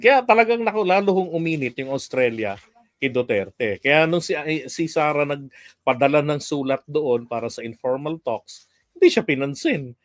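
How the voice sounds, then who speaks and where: A man's voice: on the high side, no echo, studio quality. A man from the Philippines hosting a political commentary livestream, telling stories in a chatty way and laughing often.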